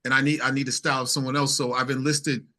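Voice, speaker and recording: Flat in delivery and sharp in tone, this mid-range male voice belongs to a New York singer-songwriter being interviewed. He speaks casually and haltingly, repeating words as he thinks aloud.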